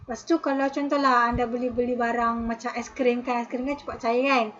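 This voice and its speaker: A woman with a Malaysian Malay accent teaches a lesson in a high, patient voice. She keeps checking in with "okay" and "ha" as she explains step by step. The recording is dull and lo-fi. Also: flat delivery, fairly quick, fairly bright tone. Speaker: special education teacher.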